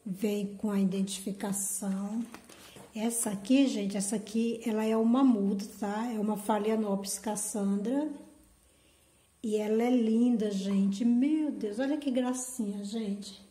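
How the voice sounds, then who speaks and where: Slow, gushing woman vlogger in an echoey room. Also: medium pitch, steady tone, dark tone. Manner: gushing, affectionate, repeats "gente". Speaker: orchid channel host. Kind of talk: casual unboxing vlog.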